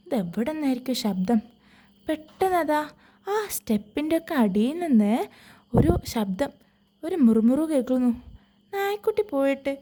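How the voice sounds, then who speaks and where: Give me a high-voiced woman reading a kids' story, expressive and warm-toned. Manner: expressive, addresses children directly. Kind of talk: children's bedtime story narration.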